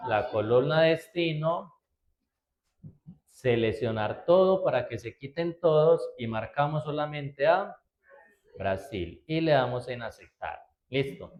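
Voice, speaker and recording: On a lo-fi recording, a man with an expressive, medium-pitched voice takes his time teaching spreadsheets. The computer instructor goes step by step with patience, regularly checking in with "¿cierto?" to make sure his students follow.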